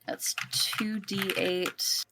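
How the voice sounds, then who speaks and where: A woman's voice: mid-range voice, level tone, extremely slow, noisy background. A woman playing a tabletop game, chatting casually as she calls out her moves.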